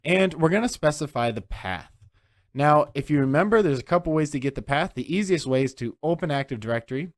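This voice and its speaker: A man walking through a software tutorial step by step, often checking in with "okay?". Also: on the high side, lively intonation, a little fast, no echo, clean studio sound. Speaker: tech instructor. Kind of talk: screen-recorded software tutorial.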